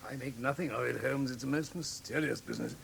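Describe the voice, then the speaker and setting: An actor playing a good-natured, bluff Victorian English doctor and loyal companion, with an English accent, in a classic radio drama. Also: male voice, mid-range voice, a little fast, gravelly, fairly bright tone, slight background noise. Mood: bemused, genial. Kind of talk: classic British radio drama acting and storytelling.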